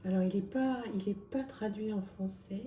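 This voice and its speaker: A woman presenting oracle card decks in a casual, chatty vlog, with lots of small pauses and fillers. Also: medium pitch, warm tone, roomy sound, soft background music. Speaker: tarot and oracle card reviewer.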